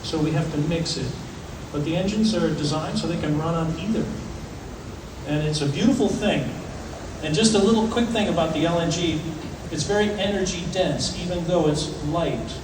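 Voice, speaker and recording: Higher-voiced male captain in a noisy echoey venue. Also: normal speed. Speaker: ship's captain. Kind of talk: informal question-and-answer talk to an audience. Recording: echoey venue, distant, clearly noisy ambience.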